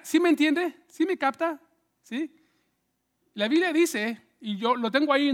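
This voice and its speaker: Preacher guy, slow and chatty, keeps asking sí?, high pitched. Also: fairly bright tone. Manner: conversational, asks "¿sí?" often, acts out quotes. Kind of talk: sermon storytelling.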